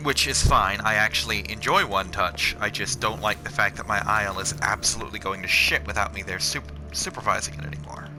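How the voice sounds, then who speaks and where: A young male channel host chats casually over a video game, rambling about work with plenty of swearing and sarcasm. His voice sits on the low side and moves briskly with few pauses. Game music plays behind him.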